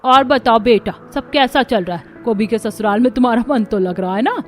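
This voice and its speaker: A woman's voice: fairly high pitch, normal speed, natural voice. A woman voicing a nosy older neighbor who teases and complains in a cartoon story. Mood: complaining.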